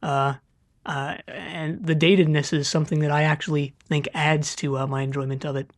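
A man's voice: a little high, flat delivery, moderate pace. A young man with a Californian accent, co-hosting a podcast in casual chat, laughing often and hesitating with fillers. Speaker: podcast co-host.

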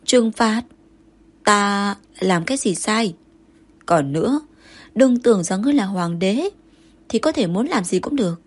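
A woman's voice: medium pitch, animated, unhurried, long pauses, husky. A woman voicing a fiery jealous young consort. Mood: indignant. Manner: sharp, indignant retorts.

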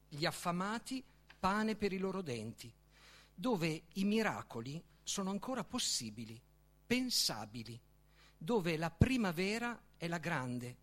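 An author gives a dramatic, literary reading of his own book in a slow, high-pitched voice. His recitation is declamatory and deliberate, punctuated by emphatic pauses.

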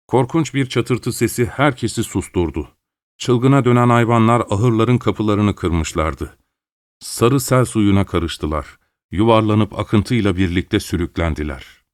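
Male audiobook narrator, deep and clear, measured dramatic literary reading, dry close studio mic. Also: dry recording. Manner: measured, dramatic reading that lifts for quoted voices.

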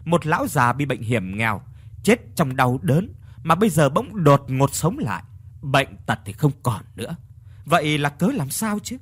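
A man narrating a ghost story in a dramatic, measured storytelling manner. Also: fairly high pitch, sing-song, a bit bright, husky. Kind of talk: scripted horror story narration.

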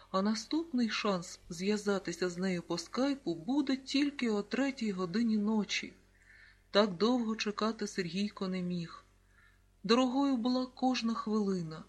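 A narrator calmly reading a children's book aloud, announcing page numbers. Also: medium pitch, breathy edge. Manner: calm, even storytelling, reading out page numbers. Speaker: audiobook narrator.

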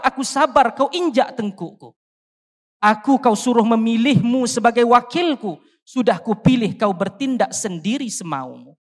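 A convention panel speaker, reciting a poem with declamatory, rhetorical rises and falls before giving closing remarks. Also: medium pitch. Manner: declamatory, rhetorical rise and fall. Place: large convention hall. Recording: long hall reverb.

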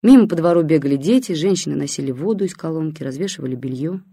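An audiobook reader giving a calm, measured first-person literary narration. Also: mid-range voice, breathy edge, no echo, studio quality.

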